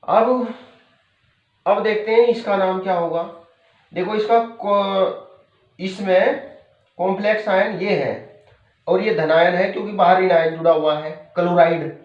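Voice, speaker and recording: High-voiced man teaching in an echoey room. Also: fairly even intonation, a little slow, long pauses. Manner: patient, repeats key terms, checks in with "है ना". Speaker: chemistry teacher. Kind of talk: classroom lecture. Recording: echoey room, dull lo-fi sound.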